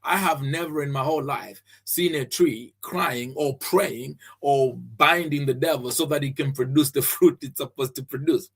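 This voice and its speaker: This Zambian man hosts a faith-based podcast as a preacher, teaching earnestly. His voice is mid-range with a breathy edge, and he talks at normal speed with few pauses. He repeats his key phrases and often restarts with fillers.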